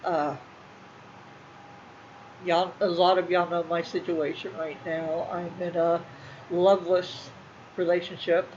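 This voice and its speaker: A middle-aged woman talks casually to her viewers, halting, repeating herself and sounding emotional. The recording is a little dull and muffled. A faint noise sits underneath her voice. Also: fairly low pitch, little pitch movement, darkish tone. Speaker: channel host. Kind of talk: casual talk to livestream viewers.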